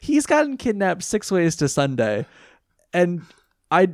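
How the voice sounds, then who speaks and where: A man co-hosting a casual podcast chat, easygoing and quick to laugh. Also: sits high, wildly swooping pitch, no room sound, clean studio sound. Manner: giggly and easygoing, laughs often. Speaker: podcast co-host.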